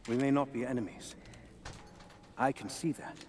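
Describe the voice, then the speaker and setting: An actor playing a mysterious male prisoner in video game cutscene dialogue, speaking in a measured, grave way. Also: medium pitch, fairly even intonation, natural voice. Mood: calm, persuasive. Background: loud game score.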